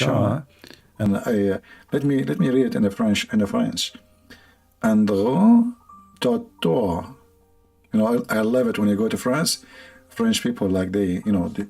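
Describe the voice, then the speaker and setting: A man's voice: on the low side, gravelly, darkish tone. A man with an Arabic accent, a livestream host rambling in a sarcastic, joking way and laughing often. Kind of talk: casual joking monologue.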